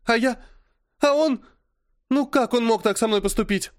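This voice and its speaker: Weepy, whiny young sister, high and sobbing, read by a man in an audiobook. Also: quick pace, natural voice. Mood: tearful.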